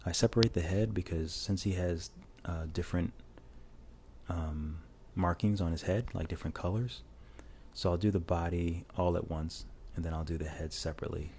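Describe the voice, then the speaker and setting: Recorded on a phone-connected lavalier mic with a faint hiss, an illustrator talks through his drawing tutorial at normal speed. His voice is very deep, dark and low. His casual narration rambles easily and often restarts mid-sentence.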